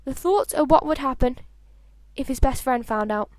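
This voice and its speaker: A fan fiction narrator with a voice that sits high reads a story expressively, like an amateur audiobook, at a moderate pace. There's no room sound, and now and then she stumbles over words.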